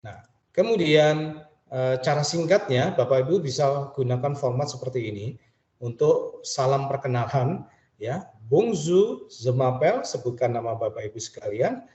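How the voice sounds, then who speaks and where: A man leading a webinar for teachers who explains slowly and repeats French phrases with a rising intonation. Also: medium pitch, a little mellow. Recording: dull, roomy webinar audio.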